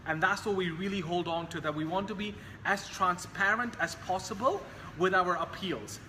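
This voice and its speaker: Talking casually to camera at normal speed, a young Hong Kong man has a bright, high voice and an earnest way of returning to the same phrases again and again. A long reverb rings around his words, with faint hiss underneath.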